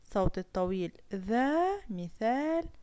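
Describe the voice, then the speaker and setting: A woman teaching young children to read, slowly sounding out each letter and word so they can repeat after her. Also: fairly high pitch, very animated, a little mellow, clear, resonant tone. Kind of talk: children's Arabic letter lesson.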